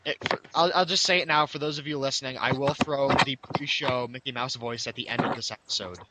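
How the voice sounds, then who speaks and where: A man's voice: mid-range voice, fairly even intonation, fairly quick, heavy background noise. A man hosting a casual gaming podcast, chatting loosely with upbeat restarts. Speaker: podcast host. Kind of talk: casual chat.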